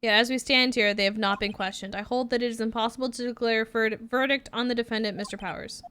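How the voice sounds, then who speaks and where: A woman's voice: on the high side, fairly even intonation, fast talker, fairly bright tone, slight background noise, lightly acted. A woman voicing an earnest young male defense lawyer from a video game, with an insistent manner. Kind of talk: reading video game dialogue aloud. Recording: music playing behind the voice.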